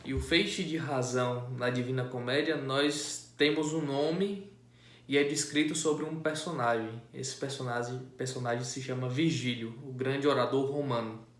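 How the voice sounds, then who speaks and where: Man, casual explainer, halting delivery, middle pitch, roomy echo. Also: fairly even intonation. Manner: halting, restarts phrases, frequent tag questions. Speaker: amateur literature explainer. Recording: echoey room.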